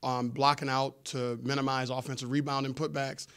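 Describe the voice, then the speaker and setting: A man in his forties, a head coach answering postgame press questions in a measured, explanatory way with frequent fillers, seated at a table microphone in a press room. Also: mid-range voice, level tone, a bit bright, clear, resonant tone. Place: press room before a sponsor backdrop. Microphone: table microphone in front of him.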